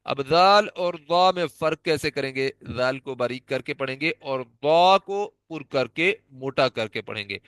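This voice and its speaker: A man's voice: on the high side, lively intonation, few pauses, fairly bright tone, clear, resonant tone, no room sound. A man teaching Quran recitation, patiently explaining and repeatedly demonstrating how to pronounce letter sounds. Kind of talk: pronunciation lesson.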